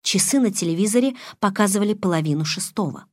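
A woman's voice: mid-range voice, animated, quick pace, no echo. A woman reading a first-person novel aloud as an audiobook narrator, voicing the characters' lines herself with tense expression.

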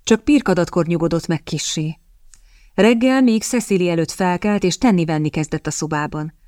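A woman reading an audiobook novel aloud in a measured storytelling manner. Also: on the low side, darkish tone, dry recording, studio quality. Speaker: audiobook narrator. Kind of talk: scripted narration.

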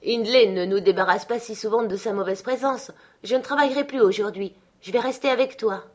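A woman reading aloud, voicing a rough, jealous young man who speaks in an insistent, agitated way. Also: fairly high pitch, fairly quick, darkish tone, lightly acted.

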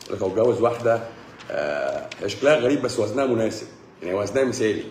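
An Egyptian-accented man gives a joking live talk, mixing medical explanation with playful asides. He speaks quickly. The sound is roomy and echoing, with faint room ambience underneath. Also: lowish voice, darkish tone, a little hiss or hum. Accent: Egyptian Arabic. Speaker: doctor giving a talk.

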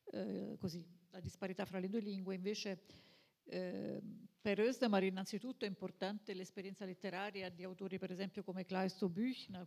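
A woman moderating a literary event, summarizing a guest's answers in a fluent, measured way. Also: medium pitch, vocal fry, a little mellow. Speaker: moderator and interpreter.

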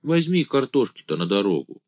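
A man voicing a simple-minded village man who calls himself an angel, speaking in a naive, drawn-out singsong. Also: mid-range voice, big pitch swings, darkish tone, dry recording, voice pushed up. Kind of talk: audiobook character voice.

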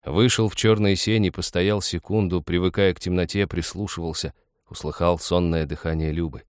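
A man narrates a story in a calm, measured audiobook reading. His voice sits very low, and the recording is dry and close. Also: clean tone, dry recording.

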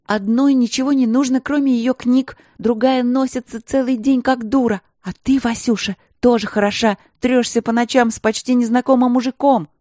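A woman voicing a furious, grieving teenage princess who hurls shrill accusations at her sisters. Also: fairly even intonation, moderate pace, hardly any pauses, dark tone, no room sound, studio quality, close to an everyday voice.

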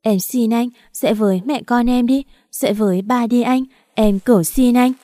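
A woman's voice: on the high side, moderate pace, warm tone, dry recording, lightly acted. A woman voicing a young mother who pleads in tears at her husband's bedside, in an audiobook reading. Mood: pleading. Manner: tearful, pleading.

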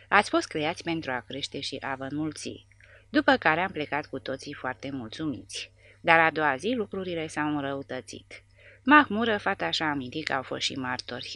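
A woman narrating an audiobook with steady, measured storytelling. Her voice is low and gravelly with a sharp, bright edge, and the recording is dry and close. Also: no echo.

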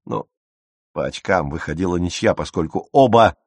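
A man narrating an audiobook with a lively, expressive reading on a close studio mic. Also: sits low, normal speed, slightly rough, no room sound.

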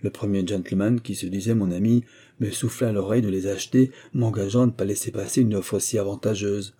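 Man, audiobook narration, very dark tone, husky, steady and composed. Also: fairly low pitch, a little fast. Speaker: audiobook reader. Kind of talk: scripted narration of a classic novel.

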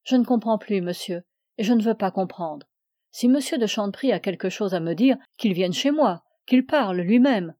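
Fiery scornful young lover in a storybook reading, dark mellow tone, dry sound, a woman reads her. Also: mid-range voice, lively intonation, moderate pace, dry recording, natural voice. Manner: impassioned, scornful, rising to cries. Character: passionate young woman, fiercely possessive lover.

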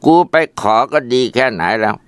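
A man's voice: normal speed, no room sound, close to an everyday voice. A man voicing a rowdy, drunken teenage son who talks back to his parents in a sulky, insolent way.

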